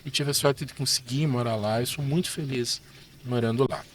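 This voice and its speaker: A guest artist and illustrator from Curitiba, Brazil, a man in his fifties with a Curitiba Portuguese accent, tells stories about his life in a casual interview. He's relaxed and chatty, often tagging sentences with "né?", speaking at medium pitch and a moderate pace. There's slight background noise.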